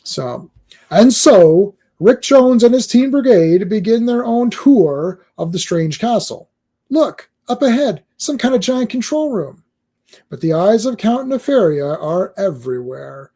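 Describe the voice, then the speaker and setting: A man voicing a dramatic old-time radio announcer in an old radio show narration style, with a booming, drawn-out delivery. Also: sing-song, dark tone, exaggerated voice. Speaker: comic read-along streamer.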